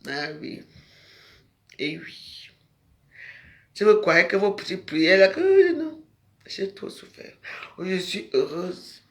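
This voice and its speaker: A woman's voice: mid-range voice, sing-song, slow pace, long pauses. A woman speaking emotionally in a street interview, with exclamations and repeated phrases, sometimes close to tears.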